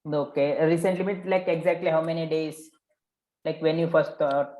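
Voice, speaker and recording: A man's voice: on the high side, fairly even intonation, moderate pace, mellow. A man leading a live online coaching session, probing participants and repeating their answers back to them. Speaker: workshop coach. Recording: roomy echo.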